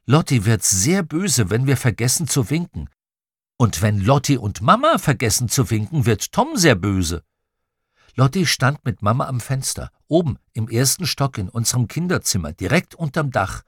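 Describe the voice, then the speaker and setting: A man narrating a children's audiobook, telling the story in a lively, expressive way into a close studio mic. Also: medium pitch, slightly rough, dry recording. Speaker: audiobook reader.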